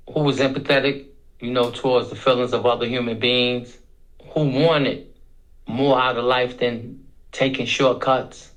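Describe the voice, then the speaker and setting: Middle-aged male interviewee from Brooklyn, medium-pitched, reflective and deliberate personal storytelling. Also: fairly bright tone, poor audio. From Brooklyn, New York. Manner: deliberate, repeats words for emphasis. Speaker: interview guest telling his own story.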